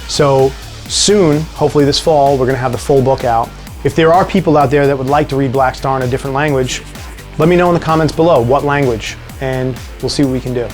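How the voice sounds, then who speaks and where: Wry man with a New York accent. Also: mid-range voice. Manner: relaxed, wry and joking. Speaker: musician answering viewer questions. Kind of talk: casual vlog Q&A.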